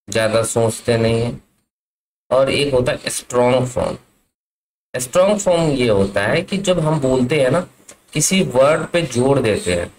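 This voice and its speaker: A man's voice: mid-range voice, a little hiss or hum, poor audio. A man teaching an English grammar lesson, asking his class questions and answering them himself. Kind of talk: classroom lesson explaining at a board.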